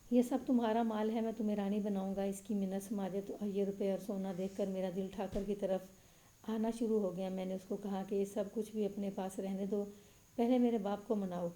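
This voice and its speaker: A woman reads a story aloud in a steady, measured way. Her voice is very dark and mellow, and her pitch stays flat and level. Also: low-quality recording. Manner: steady, even reading with little pitch movement. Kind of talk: scripted story narration.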